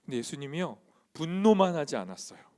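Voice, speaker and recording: A man's voice: on the high side, sing-song, a little fast, dark tone. A man preaching a sermon to a youth congregation, emphatic and full of rhetorical questions put to the listeners. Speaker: youth pastor.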